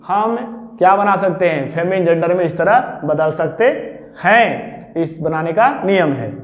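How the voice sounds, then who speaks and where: A man teaching grammar in a lecture style, posing questions and answering them himself. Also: high voice. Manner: addresses listeners familiarly as "babu". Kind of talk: explanatory classroom lecture. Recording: echoey room with long reverb.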